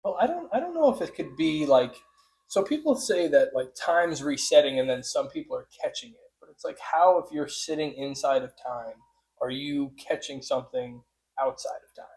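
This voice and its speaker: A man's voice: a little high, animated, normal speed, darkish tone, poor audio. A man hosting a podcast in a casual, rambling way, ranting and swearing freely. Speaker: podcast host.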